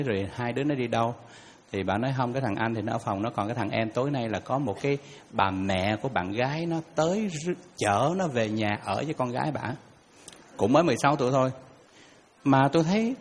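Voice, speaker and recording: Man telling a story at a buddhist talk, hesitant, lots of uh, long echo, faint hiss. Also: medium pitch. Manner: hesitant, apologetic, many fillers. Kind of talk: casual anecdote in a talk. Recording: reverberant hall with faint noise.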